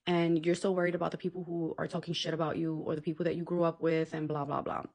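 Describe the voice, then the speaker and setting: A woman with a fairly low voice rattles through advice at a quick clip. She talks to camera like a content creator, casual and blunt, dropping swear words and "like" as she goes. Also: level tone, a little mellow. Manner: chatty, blunt, casual swearing, frequent "like" and "okay?".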